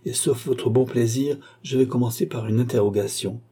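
Man voicing an angry young nobleman, audiobook, accusing, raised voice, mellow and husky tone. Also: medium pitch, steady tone, normal speed, pitched above the performer's own voice, natural voice. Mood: indignant. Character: hot-headed young nobleman demanding satisfaction. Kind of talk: audiobook character reading.

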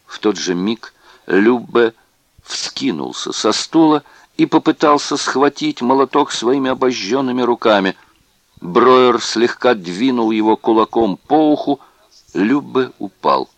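A man reading a novel aloud in expressive scripted narration. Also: mid-range voice, unhurried, dry recording. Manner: expressive storytelling. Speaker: audiobook narrator.

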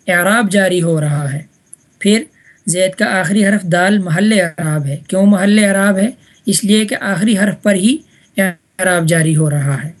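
A woman teaching an Arabic grammar class online, patiently repeating examples and checking that students follow. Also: fairly low pitch. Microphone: online voice chat room.

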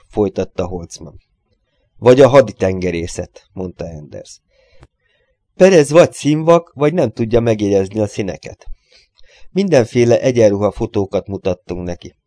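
A man reading a crime novel aloud as an audiobook, lifting his voice for the characters' lines and dropping low for the narration between them. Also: dark tone, no room sound. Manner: voices dialogue with lifted pitch, drops low for narration tags. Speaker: audiobook reader.

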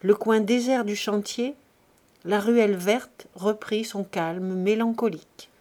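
Woman narrating a classic novel. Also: mid-range voice. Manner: measured, expressive reading. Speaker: audiobook narrator.

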